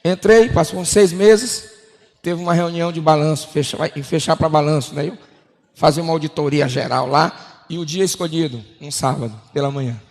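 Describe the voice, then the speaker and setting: A man's voice: moderate pace, darkish tone. Brazilian man preaching a testimony in a hall. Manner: storytelling, acts out dialogue with shifting pitch. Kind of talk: sermon testimony. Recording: long hall reverb.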